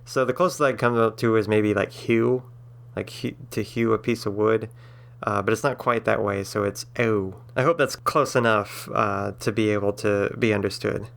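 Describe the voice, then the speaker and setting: A man's voice: on the low side, steady tone, moderate pace, creaky, a bit bright. A man teaching a language-building lesson, patiently spelling out sounds with some filler words. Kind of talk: explanatory lesson.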